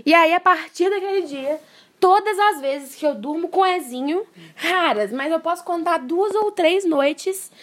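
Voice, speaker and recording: A woman hosting a podcast, telling a story in a lively, emphatic way and laughing often. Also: very high voice, measured pace. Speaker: podcast host. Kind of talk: casual storytelling chat.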